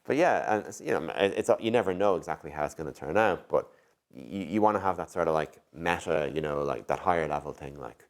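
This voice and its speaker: A very deep-voiced man, speaking briskly, gives conversational answers in an interview as a tech executive. He's animated and thinks aloud, sprinkling in lots of "like" and "you know".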